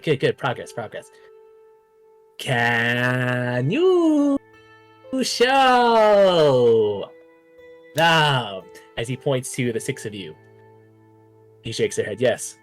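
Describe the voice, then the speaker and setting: A man narrating a tabletop game as game master, animated and casual, swearing freely. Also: mid-range voice, unhurried, pauses often, slightly rough, soft background music.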